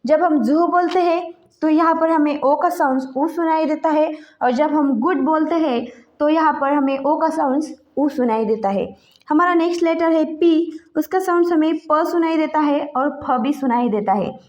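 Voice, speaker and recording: A woman teaching an English pronunciation lesson, slowly listing example words one by one. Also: high voice, a little mellow, highs cut off.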